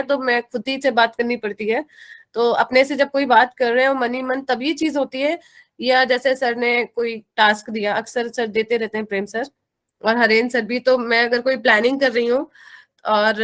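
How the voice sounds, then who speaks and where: A woman's voice: fairly high pitch, a bit bright. Polite woman sharing experiences in a class. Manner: polite, reflective, shares personal experiences. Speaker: participant. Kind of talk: online class discussion.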